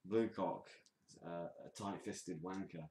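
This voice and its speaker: A man's voice: low-pitched, fairly even intonation, slow pace, dark tone, echoey room, a little hiss or hum. A man, swearing and teasing in casual podcast banter from a dim bar. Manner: sweary, teasing, mocking accents. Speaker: podcast co-host.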